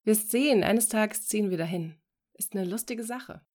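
A woman voicing a restless young man talking on the phone, excitable and quick in bursts. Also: mid-range voice, lightly acted. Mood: confiding.

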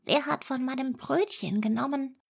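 A woman's voice: sits high, normal speed, gravelly, slightly rough, voice pushed up, exaggerated voice. A woman voicing seven small kindly male dwarfs in a whispered role-play, asking earnest questions. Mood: puzzled.

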